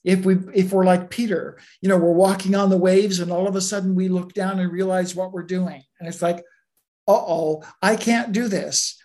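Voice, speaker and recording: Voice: medium pitch, brisk, hardly any pauses. Chatty preacher type walking thru scripture, laid back, tells lots of little stories. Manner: relaxed, anecdotal, with many asides. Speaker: Bible teacher. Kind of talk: conversational sermon.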